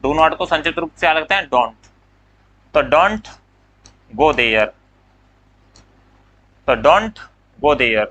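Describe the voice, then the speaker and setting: A man's voice: fairly high pitch, animated, extremely slow, long pauses, pushed and bright, poor audio. A man teaching English grammar in a classroom lecture. He asks questions, answers them himself, and draws out the English words as he dictates them.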